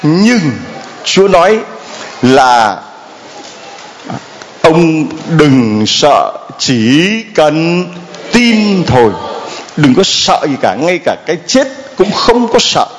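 Priest guy in church doing a playful homily w the kids, keeps asking them stuff, slightly high voice, bit of hiss. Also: very animated, extremely slow, long pauses. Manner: playful, asks questions and calls for answers. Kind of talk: homily with children and congregation.

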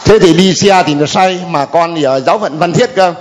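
An older man with a fairly high voice gives a spoken testimony, halting and hesitant, full of small pauses and fillers. His words ring out with a long reverb, as if he stands in a large church hall.

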